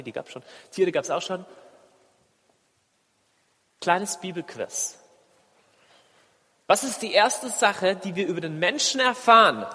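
A man preaching a sermon in a lively, animated way, asking his listeners many direct questions. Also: sits high. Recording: long reverb of a large hall.

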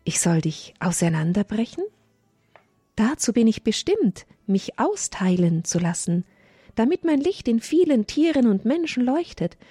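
A wise, glowing sun crystal speaks in a lifted, solemn, gentle tone, as a woman reading a storybook puts it on. The voice is mellow and a little husky, and it sits higher than her narration. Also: sing-song, a little slow, dry recording, studio quality, soft background music, full character voice.

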